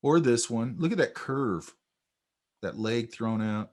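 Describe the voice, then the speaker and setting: A man teaching a sketching class in a relaxed, chatty way, telling stories while he points out details in drawings. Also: mid-range voice, takes it slowly. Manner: animated, storytelling, talks over drawings. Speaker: art instructor. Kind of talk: casual teaching chat.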